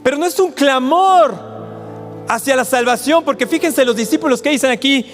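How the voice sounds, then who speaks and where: Mexican man preaching, high voice, auditorium echo, soft music behind. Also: normal speed. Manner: conversational preaching, acts out pleading quotes. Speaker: pastor. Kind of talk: sermon. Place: large auditorium. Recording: echoey auditorium with faint music.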